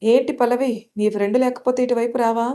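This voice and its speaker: A woman's voice: fairly high pitch, fairly even intonation, warm tone, lightly acted. A woman voicing a fond, bustling middle-aged mother. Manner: fond, hurried.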